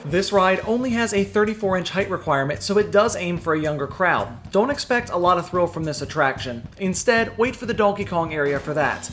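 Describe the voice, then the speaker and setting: Male narrator, high-pitched voice, scripted online video voice-over, clearly presentational and enunciated. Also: lively intonation, a little fast, hardly any pauses, a bit bright, faint music behind. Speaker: theme park news video narrator.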